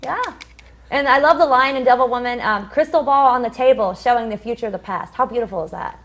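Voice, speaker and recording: A woman's voice: fairly high pitch, fairly bright tone. A woman co-hosting a casual spooky-themed talk show, chatting in a rambling way about songs and odd happenings. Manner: chatty, rambling, fast when rushed. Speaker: co-host.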